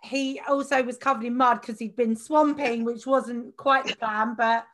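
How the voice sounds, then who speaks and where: A woman hosting a podcast in casual chat, talkative and quick to laugh, with plenty of fillers. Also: a little high, steady tone, fairly bright tone. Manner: chatty, laughs often, many fillers. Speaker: podcast host.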